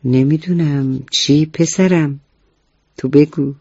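A man's voice: on the high side, fairly even intonation, a little mellow, breathy edge, no echo, highs cut off. A man voicing a good-humored father who teases his young son, in a storybook reading. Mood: teasing. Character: playful, indulgent father of a young boy.

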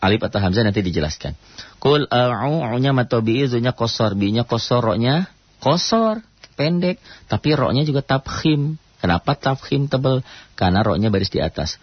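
A man's voice: mid-range voice, very animated, slightly rough, no room sound, highs cut off. Man teaching Quran recitation on radio. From Indonesia. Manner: quick explanations broken by slow, drawn-out chanted recitation. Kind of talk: radio tajwid lesson.

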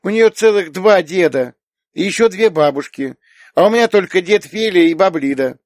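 A man's voice: animated, moderate pace, dry recording, studio quality. A man reading an audiobook, voicing a cheerful, chatty little girl who keeps asking questions. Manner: eager, questioning, high childlike voice. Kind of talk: audiobook character voice.

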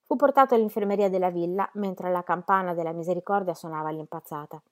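A woman reading historical letters aloud in a measured, expressive storytelling manner. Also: lowish voice. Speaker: reader.

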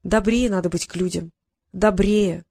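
A woman's voice: medium pitch, fairly even intonation, normal speed, creaky, warm tone, dry recording. A woman voicing a mild, sly sultan. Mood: gently commanding. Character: soft-spoken, yielding, gently cunning sultan, man.

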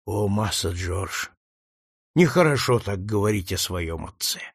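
A man voicing a meek, devout older man who speaks softly, slowly and tenderly in an audiobook reading. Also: lowish voice, lively intonation, husky, dry recording, clean studio sound, pitched below the performer's own voice. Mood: counseling. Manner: soft, slow, tender speech.

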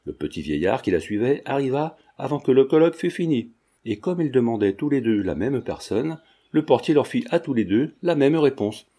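A man narrating a classic French novel in a steady, measured reading. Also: medium pitch. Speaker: audiobook narrator. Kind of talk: scripted narration.

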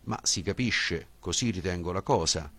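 A brash ancient Greek sophist, blunt and dismissive in every reply, as a male audiobook reader gives him voice. His voice sits very low and deep, and he brushes aside his opponent's questions with defiant certainty. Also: moderate pace, fairly bright tone, no echo.

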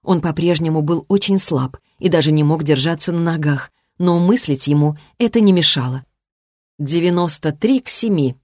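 A woman with a deep, low voice reads fantasy narration in an even, steady manner. The recording is dry and close, with no room sound. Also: moderate pace, hardly any pauses, dry recording. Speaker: audiobook reader.

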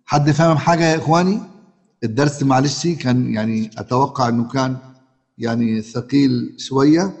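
A man's voice: mid-range voice, fairly quick, darkish tone. A man with an Egyptian accent teaching Quran recitation rules, often asking his students questions and repeating himself. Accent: Egyptian Arabic. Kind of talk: colloquial Egyptian Arabic lesson. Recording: long hall reverb.

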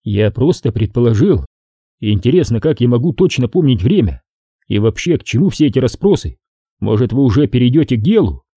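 A man's voice: medium pitch, very animated, brisk, warm tone, husky, dry recording, clean studio sound. A man reading an audiobook, voicing a nervous male researcher answering police questions defensively. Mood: anxious. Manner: anxious, defensive.

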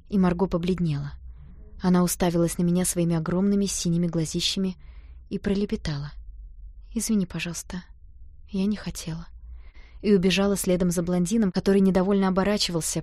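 A woman narrating a first-person audiobook with lively, emotional storytelling. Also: lowish voice, no room sound, clean studio sound.

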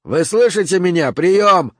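A man voicing a tough male commando leader who gives stern orders and shouts into a radio. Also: medium pitch, lively intonation, moderate pace, dry recording, studio quality, close to an everyday voice. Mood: shouting.

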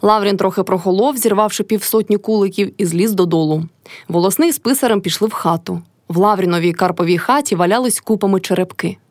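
Woman narrator, expressive novel reading, dry close sound. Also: mid-range voice, quick pace, dry recording. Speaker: reader. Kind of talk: reading a classic novel aloud.

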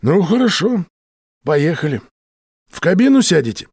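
A laconic, indifferent truck driver from an audiobook, drawling his questions slowly in a higher, lively voice, as a male reader puts him on. The recording is dry and close. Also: slightly rough, dry recording, heavily acted.

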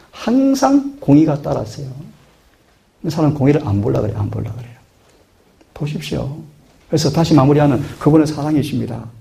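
A man's voice: fairly high pitch, gravelly, mellow. A man preaching a sermon in an earnest manner, often putting questions to his listeners. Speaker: pastor.

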